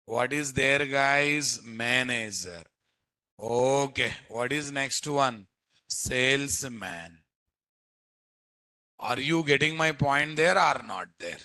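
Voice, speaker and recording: A man with an Indian Telugu accent teaching a live software class as instructor, often repeating phrases and quizzing his listeners. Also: medium pitch, takes it slowly, dry recording. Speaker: programming instructor.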